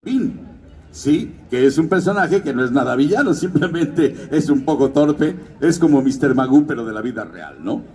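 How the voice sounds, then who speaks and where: Storytelling voice actor on stage. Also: male voice, medium pitch, moderate pace, hardly any pauses, far from the mic. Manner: lively storyteller, slipping into character voices. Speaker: voice actor and announcer. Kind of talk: stage talk at a fan expo.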